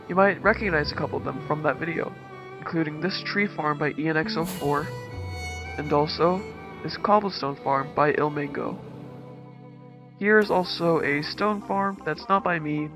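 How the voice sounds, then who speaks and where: A man speaking through a voice changer as he hosts a relaxed, easygoing tour of his game world. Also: a little high. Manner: laid-back, easygoing, talks while touring his builds. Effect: voice changer disguising his voice. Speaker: gaming channel host. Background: background music.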